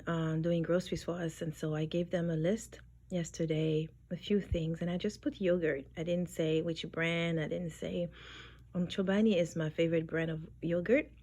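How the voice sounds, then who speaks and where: A woman's voice: fairly low pitch, a little mellow. A woman teaching Quran classes and chatting through a casual vlog, a little congested, laughing easily and sometimes dropping to a near whisper.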